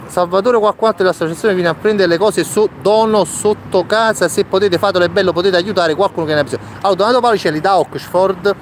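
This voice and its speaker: A man in his thirties with a Neapolitan accent chatting casually on a live street video, reassuring and repeating short phrases. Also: high voice. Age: 30s. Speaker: charity volunteer hosting a live street video. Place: outdoor city street. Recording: noisy outdoor city street with traffic.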